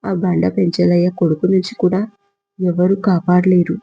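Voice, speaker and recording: A man voicing an impulsive young woman who talks in quick, dramatic bursts, in a storybook reading. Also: high-pitched, monotone, vocal fry, breathy edge, no echo, highs cut off, heavily acted. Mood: tearful.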